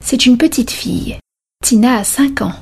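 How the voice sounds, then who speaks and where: A woman narrating a children's story in a slow, careful reading voice. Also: a little high, vocal fry, darkish tone, breathy edge.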